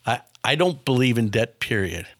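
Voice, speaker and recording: Man in his fifties, business owner, frank, repeats words when starting, mid pitch, dry close sound. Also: animated, normal speed, no room sound. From small town near Milwaukee, US. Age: 50s. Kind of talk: casual interview talk.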